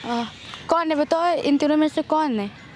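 A young woman with a strikingly high, girlish voice hosts a casual prank vlog outdoors in public. She is bubbly, teasing and bossy as she talks to the camera and to passers-by. Traffic rumbles clearly in the background. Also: a little slow. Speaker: vlogger and prankster. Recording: traffic noise behind.

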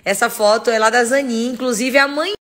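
A woman's voice: a little high, a little fast, fairly bright tone. Effusive woman vlogging at home. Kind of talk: casual home vlog.

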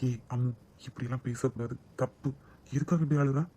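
Cartoon drama lead: a man playing a protective young boss, mellow and low-key, gives orders and comforts. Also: fairly even intonation, brisk, natural voice. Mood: comforting. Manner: commanding with men, soothing with his wife. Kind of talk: amateur cartoon voice acting.

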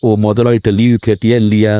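A man voicing a gentle older male migrant worker near sixty in a cartoon, talking in a consoling way. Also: on the low side, monotone, fairly quick, smooth, no echo, pitched below the performer's own voice, natural voice. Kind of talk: Tamil cartoon voice acting.

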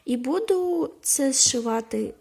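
A woman's voice: high-pitched, expressive, slow, gravelly, darkish tone, husky. A woman chatting casually in a knitting vlog, explaining her work in an easygoing, slightly unsure manner. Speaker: knitting vlogger.

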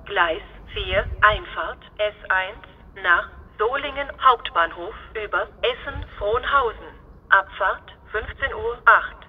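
A woman making a flat, formal platform announcement as a station announcer, in evenly segmented phrases. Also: mid-range voice, slow, husky. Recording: tinny phone-like band, hissy background noise.

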